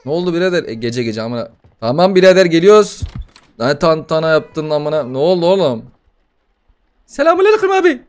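A young man narrates a horror game playthrough in loose, profane banter, reacting loudly to every scare. His voice sits a touch high for a man and swings widely in pitch, jumping from mutters to yells. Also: brisk, clean tone. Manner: excitable, swearing, banter with the game. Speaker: gaming YouTuber. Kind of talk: gaming commentary.

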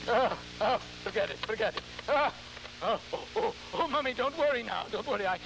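A man playing a ghoulish, theatrical horror host, halting and repeating his words in a campy, scheming, cackling manner on an old television show. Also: extremely high pitch, expressive, creaky, exaggerated voice. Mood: scheming, nervous. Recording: noisy, humming vintage television recording.

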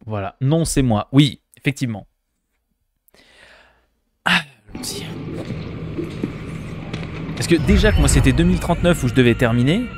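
A man's voice: medium pitch, expressive, normal speed, long pauses, faint music behind. Playful, laughing French man streaming a game. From France. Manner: playful, laughing, mimics accents. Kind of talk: casual gameplay commentary.

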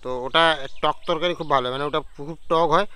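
A young man vlogging casually at home, sick with a cold and a sore throat, chatting with fillers and clearing his throat. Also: a little high, fairly even intonation, quick pace, sharp tone, no echo. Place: at home and outdoors in the yard. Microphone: handheld camera on a stand.

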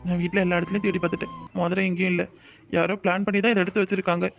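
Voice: mid-range voice, flat delivery, rapid-fire, vocal fry, slight background noise, close to an everyday voice. A voice actor playing a protective young man in a cartoon, firmly reassuring a tearful girl. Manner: reassuring, firm. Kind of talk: cartoon voice acting.

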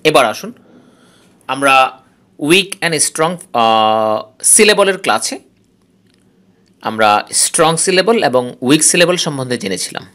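A male English teacher from Bangladesh giving a recorded phonetics lesson. He explains slowly, repeats key terms and reads English rules aloud. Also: fairly high pitch, animated, sharp tone.

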